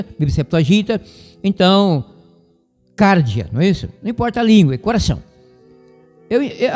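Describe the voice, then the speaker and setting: A high-voiced Brazilian man gives a Bible lesson over the radio, lecturing in a didactic, rambling way and repeating his points. His voice carries a long hall reverb, with faint music underneath. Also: a little mellow. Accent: Brazilian Portuguese. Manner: didactic, digressive, repeats himself.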